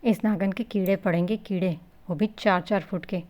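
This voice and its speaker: A woman's voice: medium pitch, fairly even intonation, normal speed, a little mellow, natural voice. A woman reading the part of an affectionate, joking young husband in a storybook reading.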